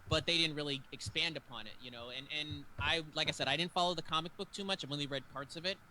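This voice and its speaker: A man hosting a casual film chat, animated and given to acting out scenes. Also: fairly high pitch, fast, a little hiss or hum. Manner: animated, acts out scenes in raised voices. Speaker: host.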